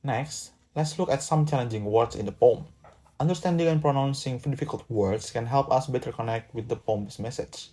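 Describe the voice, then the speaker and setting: A man's voice: mid-range voice, normal speed, mellow. A young man from Indonesia, a student presenter reading a prepared lesson script in a careful, slightly stiff way. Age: young adult.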